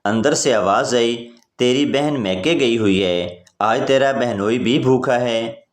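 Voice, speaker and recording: Male joke narrator, slow plain delivery, roomy recording. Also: medium pitch. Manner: plain storytelling delivery, voicing each character in the same voice. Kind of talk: reading jokes aloud. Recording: roomy echo.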